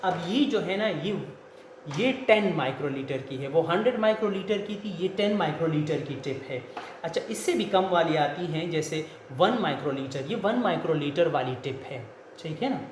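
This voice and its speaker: Man, relaxed explainer on a phone-filmed lab tour; strong room echo. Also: on the high side, normal speed. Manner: relaxed, repeats "theek hai na", explains step by step. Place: research lab, indoors. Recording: very echoey lab room, faint hum.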